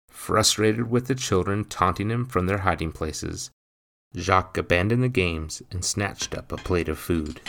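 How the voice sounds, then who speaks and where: A man reading a story aloud as narrator, with an expressive, dramatic delivery. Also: sits low, gravelly.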